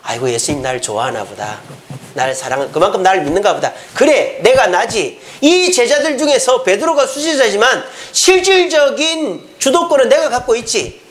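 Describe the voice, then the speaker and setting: A man's voice: extremely high pitch, expressive, moderate pace, voice pushed up. A man voicing a proud, scheming male disciple who muses smugly to himself. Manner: smug musing to himself.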